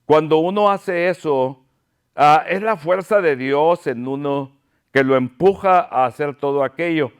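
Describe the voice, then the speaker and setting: A man's voice: on the high side, unhurried, clean tone. A male pastor preaching a sermon, fervent and pleading, repeating his phrases.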